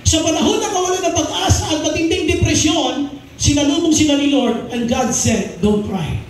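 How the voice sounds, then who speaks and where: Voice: sits high, normal speed, a little hiss or hum. A pastor preaching a sermon in a mix of Tagalog and English, who often asks the congregation questions and repeats key phrases. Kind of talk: Taglish sermon. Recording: very echoey hall, mic far off.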